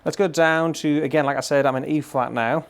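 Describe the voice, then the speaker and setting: Surrounded by guitars and amps in his small home studio, a British-accented gear reviewer in his thirties runs an informal, chatty and enthusiastic demonstration. His voice sits on the high side, steady in tone, brisk and creaky, while electric guitar plays in the background.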